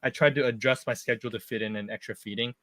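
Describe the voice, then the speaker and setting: A man's voice: mid-range voice, quick pace, dry recording. A man hosting a casual live podcast chat, talking loosely and laughing often. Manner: laughs often, relaxed chatty. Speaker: podcast host.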